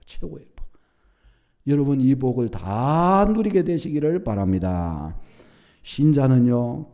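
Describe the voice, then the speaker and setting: A middle-aged man preaching a sermon as pastor, emphatic, repeating key phrases and building up to near-shouts. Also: a little high, creaky.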